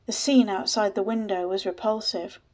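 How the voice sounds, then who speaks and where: A woman narrating a story in a steady, measured reading voice. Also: medium pitch.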